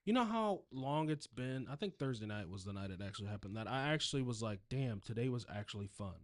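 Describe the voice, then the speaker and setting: A man's voice: medium pitch, lively intonation, fast talker, no echo, clean studio sound. A man, a podcast co-host and tow truck driver, telling work stories in crude casual chat full of swearing.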